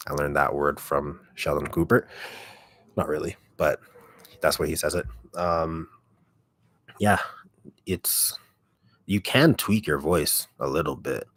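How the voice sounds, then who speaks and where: A man with a deep, raspy voice chatting casually on a livestream, relaxed and rambling, speaking very close to the microphone. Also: dry recording. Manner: relaxed, rambling, heavy use of "like". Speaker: ASMR content creator on a livestream. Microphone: microphone held very close.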